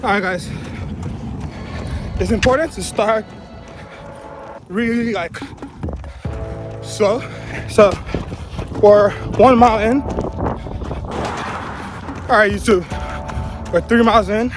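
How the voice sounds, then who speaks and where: Runner vlogger, breathless, high and slow, loud music bed behind. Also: male voice. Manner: upbeat, brief progress updates while jogging. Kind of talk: running vlog check-ins. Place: outdoors on a run.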